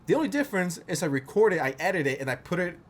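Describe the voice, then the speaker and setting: A man's voice: high voice, sing-song, very fast. A man talking as a YouTube commentary host in a casual, conversational, opinionated way, blunt and slangy with frequent swearing. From outside the United States.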